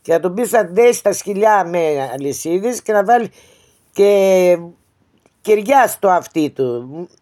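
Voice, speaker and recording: A woman telling a folk tale, voicing a menacing male ogre-dragon in a lowered, grumbling, drawn-out voice. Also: expressive, dark tone, close to an everyday voice.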